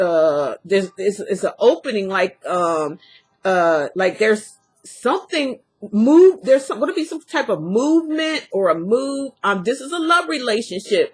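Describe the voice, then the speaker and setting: Husky woman talking with a retainer in. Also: medium pitch. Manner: slightly impeded speech from wearing a dental retainer; folksy, colloquial, rambling. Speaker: tarot reader. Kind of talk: casual spoken tarot reading.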